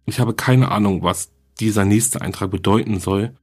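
A man narrating a horror story who speaks calmly and plainly and asks listeners for help. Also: lowish voice, moderate pace, breathy edge.

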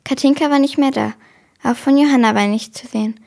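A woman reading a children's novel aloud in short, even sentences. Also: sits high, a little fast, gravelly.

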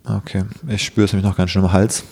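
A young podcast co-host rambles casually with lots of fillers, his deep voice slightly hoarse and a little mellow. He talks fast in a level tone.

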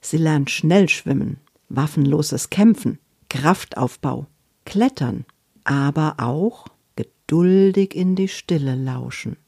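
A woman reading a children's book aloud in a deliberate storytelling manner. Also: low-pitched, animated, a little mellow, slightly rough, no echo, studio quality.

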